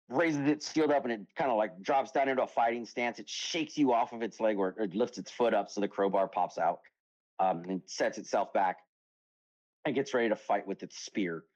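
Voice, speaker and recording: A man's voice: fairly low pitch, a little mellow. Guy dm rambling through a scene, lots of uhs, slightly muffled lo-fi mic. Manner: rambling, many fillers, quick to laugh. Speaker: game master. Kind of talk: narrating a tabletop game.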